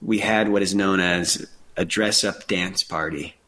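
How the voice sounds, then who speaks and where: This thirty-something man co-hosts a laid-back conversation, recounting personal stories sincerely and chuckling at himself. He speaks a little slowly in a low, mildly nasal voice with a sharp tone and fairly even intonation.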